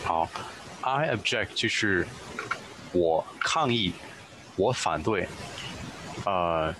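Brief: man, low voice, very slow careful teaching delivery. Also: expressive, noisy background. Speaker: English teacher. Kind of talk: pronunciation lesson.

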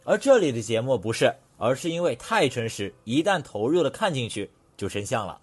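Animated man giving scripted commentary. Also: medium pitch, a little fast, very noisy.

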